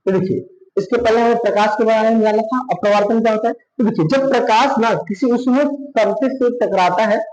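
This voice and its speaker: High-voiced Bihari Hindi man teaching. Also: steady tone, a little fast, darkish tone, muffled recording. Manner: asks questions and answers them himself; repeats "thik hai" often. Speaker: science teacher. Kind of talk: classroom lesson. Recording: echoey room.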